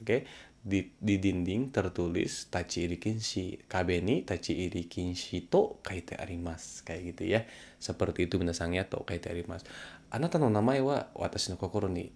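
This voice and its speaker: A man teaching a casual language lesson, playful, jumping his voice up to act out rough commands and trailing off softly at phrase ends. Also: deep voice.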